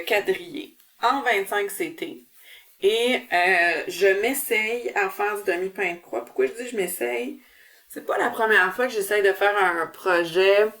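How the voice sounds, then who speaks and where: A woman's voice: medium pitch, a bit bright, distant mic. A woman with a Québécois French accent hosting a casual cross-stitch vlog, chatty and full of fillers and restarts. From Quebec, Canada. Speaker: cross-stitch channel host. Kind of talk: casual show-and-tell vlog.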